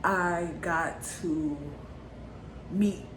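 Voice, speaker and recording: A young woman in her twenties vlogs a personal story to camera, conversational and casual, with small asides checking in with her audience. Her fairly low voice is very slow with fairly even intonation, and the recording carries background noise and a roomy echo.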